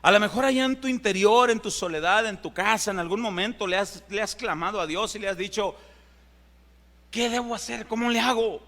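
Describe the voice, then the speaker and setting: A man's voice: sits high, brisk, hardly any pauses, bright, forceful tone. A male pastor with a Mexican Spanish accent preaching an impassioned sermon in a church, building to emphatic climaxes. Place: church sanctuary. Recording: long church hall reverb.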